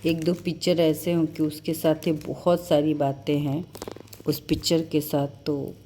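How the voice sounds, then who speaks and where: Soft, low-voiced woman showing photos. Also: level tone, a little hiss or hum. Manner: soft-spoken, halting and emotional. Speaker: vlogger. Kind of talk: casual vlog chat showing a wedding album.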